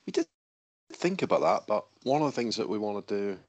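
Man, Scottish accent, very low voice, relaxed, casual podcast chat. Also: a little fast. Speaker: podcast guest.

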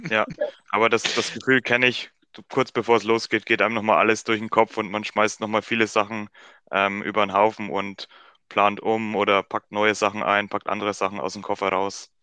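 Flat-voiced calm man in his twenties. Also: lowish voice, a little fast, clean tone, no echo. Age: 20s. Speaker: podcast guest. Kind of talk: casual podcast chat.

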